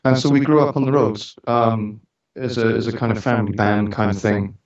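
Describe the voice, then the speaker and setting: A Scottish-born musician and studio owner in his forties, who grew up on the road around the UK and has a mixed Scottish British accent, tells stories as an interview guest in a chatty, lightly joking way. His lowish voice is steady, brisk, and a little mellow. The sound is dull, from a distant mic in an echoey room.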